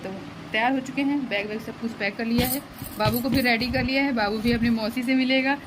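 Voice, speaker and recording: A woman's voice: a little high, fairly even intonation, fairly quick. Give me a young woman chatting casually to her vlog audience at home, recorded on a phone with background noise. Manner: chatty, pleading and laughing with family. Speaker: vlogger. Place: home, moving around while packing.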